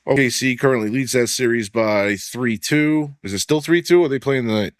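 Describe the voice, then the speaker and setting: A man's voice: medium pitch, moderate pace, dry recording, clean studio sound. A man hosting a casual sports podcast, swearing freely and leaning on fillers while he reads off stats. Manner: loose and profane, heavy on filler "like", reads stats aloud. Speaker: podcast host.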